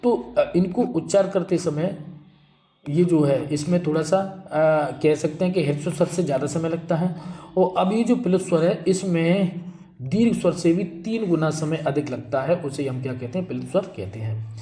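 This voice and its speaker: Male teacher, exam-prep lesson; slightly high, mellow voice; asks and answers his own questions. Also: roomy sound. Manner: explains slowly, repeats points, asks and answers own questions.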